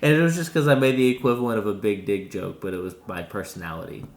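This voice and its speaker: Laid-back low-voiced young man, roomy. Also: fast talker, a little hiss or hum. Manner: laid-back, laughs often, reflective asides. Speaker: podcast co-host. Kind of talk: casual comedic banter. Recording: roomy home recording.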